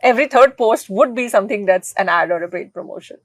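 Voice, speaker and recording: A woman's voice: mid-range voice, fast talker, no echo. Lady interviewer asking rambling questions, um and uh, dry close sound. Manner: chatty, hesitant questions with fillers. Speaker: interviewer, correspondent.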